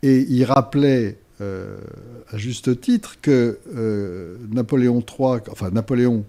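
A man hosting a political talk, with a mellow, dark voice. He hesitates often and keeps pressing his point when interrupted. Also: mid-range voice, takes it slowly. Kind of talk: political discussion.

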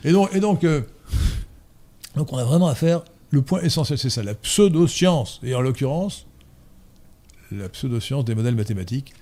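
A man's voice: medium pitch, lively intonation, moderate pace, long pauses, warm tone. A man hosting an interview, talking emphatically and digressively, correcting pronunciation with a pedantic streak. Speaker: host. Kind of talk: interview conversation.

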